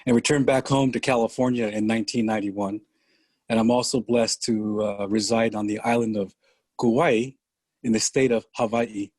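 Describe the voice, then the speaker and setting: An older man from San Francisco, a podcast guest telling his story slowly and deliberately over a video call. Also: fairly low pitch, fairly even intonation, a little mellow, no echo. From San Francisco, USA. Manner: slow, deliberate storytelling with pauses. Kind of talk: conversational interview.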